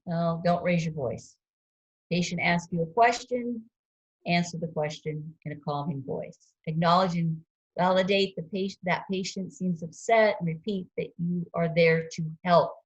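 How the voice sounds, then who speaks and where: A woman instructor lecturing a ski patrol class, relaxed and conversational, quizzing students as she goes. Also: fairly low pitch, muffled recording. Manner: relaxed, conversational teaching with fillers and quizzing questions.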